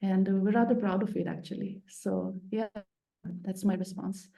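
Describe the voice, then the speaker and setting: Gravelly-voiced woman on a video call. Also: medium pitch, steady tone, dark tone, reverberant. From Nagaland, Northeast India. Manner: halting, thoughtful, many restarts, laughs often. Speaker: author and speaker. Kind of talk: online panel talk.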